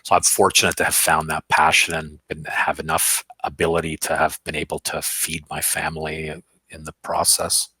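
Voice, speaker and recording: A man's voice: rumbling low, completely flat delivery, moderate pace, pushed and bright, husky, no echo. A man speaking as a guest in a casual interview over a video call from his office, candid and self-assured, sometimes laughing at himself. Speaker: guest, company founder.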